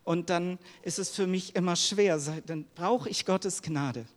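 With long hall reverb around him, a middle-aged preacher delivers an earnest, personal sermon in a church hall and asks the congregation questions. He has a high voice and speaks a little slowly.

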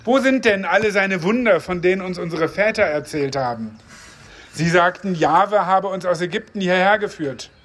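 A man's voice: high voice, expressive, moderate pace, fairly bright tone. Gideon, a man reading a fearful young farmer. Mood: pleading. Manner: pleading, doubting.

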